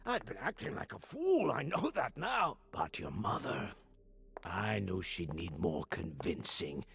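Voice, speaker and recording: A man's voice: low voice, wildly swooping pitch, a little slow, vocal fry, a bit bright, slightly rough, exaggerated voice. A man voicing a proud, bombastic father with a dramatic, effusive manner in a video game. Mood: effusive, confiding.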